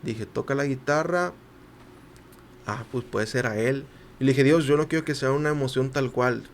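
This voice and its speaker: A young man tells a personal story on a podcast, at a middle pitch. He acts out the voices of the people he quotes and falls quiet at the tender parts. Faint background noise runs beneath the talk. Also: moderate pace. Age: young adult. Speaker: podcast guest. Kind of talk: casual storytelling.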